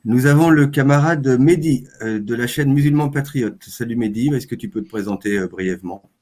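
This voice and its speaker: A man's voice: mid-range voice, fairly quick, a little mellow. A man hosting a live stream, chatting casually and hesitating often as he introduces his guests. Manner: hesitant, with frequent "euh" fillers.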